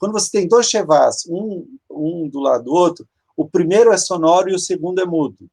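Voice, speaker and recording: A Hebrew teacher giving an online grammar lesson. The teacher often stops to search for words and explains each step slowly. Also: mid-range voice, mellow. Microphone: video call.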